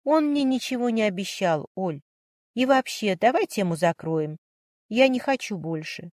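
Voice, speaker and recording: A woman voicing a calm, determined young woman. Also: mid-range voice, normal speed, no echo, studio quality, natural voice. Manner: steady, resolute.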